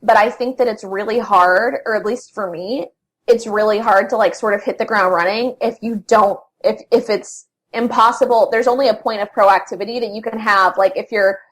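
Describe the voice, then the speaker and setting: A woman's voice: mid-range voice, fairly even intonation, moderate pace, fairly bright tone. A young adult woman being interviewed in a casual chat. She talks in a loose, rambling way full of fillers and self-corrections. Her voice sits in a plain middle range. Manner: chatty, many fillers and restarts. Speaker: interview guest, freelance writer.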